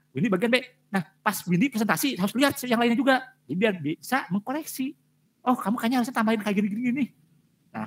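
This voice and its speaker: A man's voice: high voice, fairly bright tone. A male lecturer giving direct feedback on student presentations, repeating his points for emphasis. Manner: direct, repetitive emphasis with frequent fillers.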